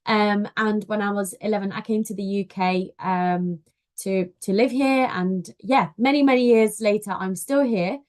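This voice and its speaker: A woman's voice: mid-range voice, fairly even intonation, moderate pace. A woman from Poland, a university outreach officer, giving a friendly webinar presentation with frequent "um" fillers over a video call.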